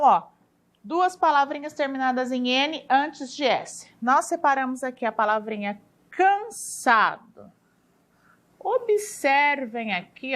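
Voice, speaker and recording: Slow, patient Brazilian schoolteacher woman. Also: a little high, fairly bright tone. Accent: Brazilian Portuguese. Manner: slow, patient, drawn-out words for children; ends phrases with a questioning "tá?". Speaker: primary school teacher. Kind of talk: recorded classroom lesson for children.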